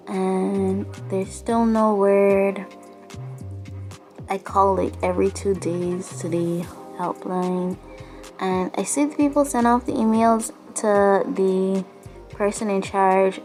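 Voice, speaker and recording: A young Barbadian woman with a medium-pitched, darkish voice films a personal video diary up close from her quarantine room. She sounds tired, low and frustrated, sighing as she vlogs.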